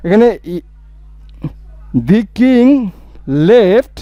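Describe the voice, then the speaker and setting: A man with a Bangladeshi accent gives an English lesson in a high, mellow voice, reading each example slowly before explaining it. His voice is smooth and clear. The recording is dry but dull and lo-fi. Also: no room sound. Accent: Bangladeshi Bengali. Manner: slow, deliberate reading of example sentences, then explaining. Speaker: English tutor.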